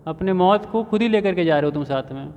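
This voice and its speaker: A man's voice: high voice, lively intonation, brisk, a little mellow. A man voicing a scolding voice from the heavens. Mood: proclaiming. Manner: proclaiming, scolding. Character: booming divine voice from the sky. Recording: dull reverberant hall sound.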